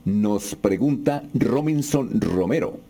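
A man's voice: lowish voice, lively intonation, slow pace, mellow. A man hosting a radio news show, reading listener questions out to his guest in a conversational way.

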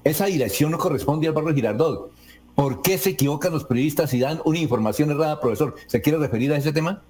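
A man's voice: a little high, fast talker, darkish tone. A man hosting a morning radio show, formally reading listener questions to a guest. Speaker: radio host.

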